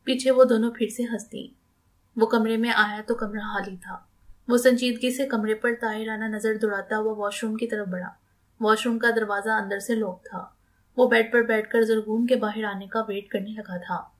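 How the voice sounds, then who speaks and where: A woman's voice: a little high, steady tone, moderate pace. Woman narrating a romance audiobook.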